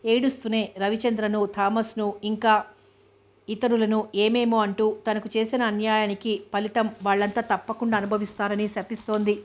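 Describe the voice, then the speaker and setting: Woman narrating a novel, flat tone. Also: mid-range voice, moderate pace. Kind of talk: audiobook novel reading.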